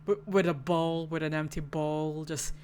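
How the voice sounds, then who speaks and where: Man from the Philippines, slow unhurried gameplay banter, crude jokes, desk mic with faint hiss. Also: on the high side, steady tone, darkish tone. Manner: rambling, joking, swears and laughs while playing. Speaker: streamer. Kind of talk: casual gameplay commentary.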